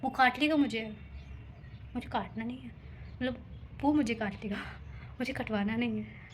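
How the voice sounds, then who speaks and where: Talking to camera at a normal speed, this young vlogger from India has a slightly high voice and a nervous, self-mocking, rambling way of chatting. The casual clip shifts between her rooftop and a room indoors, and a faint noise runs beneath it.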